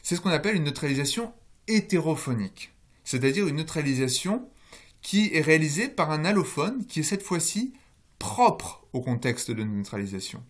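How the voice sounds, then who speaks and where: A man's voice: a little high, big pitch swings, moderate pace. A man lecturing on linguistics in a recorded course, explaining step by step with frequent hesitations. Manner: explanatory, many fillers, rising emphasis on key terms.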